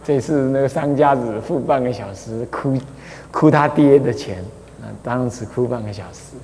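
A man, a Buddhist abbot teaching a class on the precepts, talking in a chatty way with many drawn-out "ah" fillers and small chuckles. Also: medium pitch, a crowd in the background. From Taiwan. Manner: chatty, full of drawn-out "ah" fillers, chuckles at his own anecdotes. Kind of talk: dharma lecture explaining a scripture. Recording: long hall reverb.

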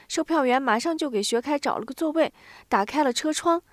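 A woman's voice: high-pitched, no room sound, studio quality, voice pushed up, natural voice. A woman voicing a flustered young girl who breathlessly recounts what happened. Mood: anxious. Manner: breathless, rushed retelling.

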